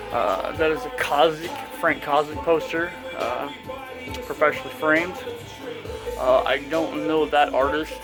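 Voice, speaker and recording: Inside his home, a thirtysomething collector shows off his collection on video in a casual, halting way, stopping partway through sentences. His voice is slightly high, and fresh braces cause a lisp and a whistling s.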